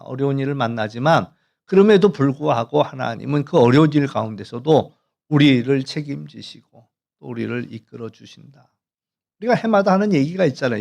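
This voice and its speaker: A man preaching a Friday sermon as pastor, telling a story in a conversational way and clearing his throat often. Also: mid-range voice, a little mellow. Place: church sanctuary.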